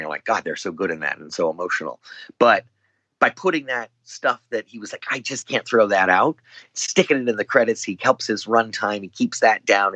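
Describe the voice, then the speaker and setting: A man's voice: fairly low pitch, a bit bright, no echo. A man, an actor as guest, telling rambling casual anecdotes and acting out quoted dialogue.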